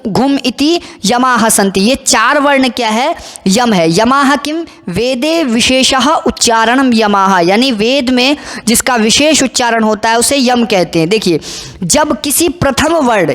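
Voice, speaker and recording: Methodical woman teaching in a reverberant room. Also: fairly high pitch. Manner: methodical, counts and lists letters aloud. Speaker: Sanskrit teacher. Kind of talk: explanatory lesson.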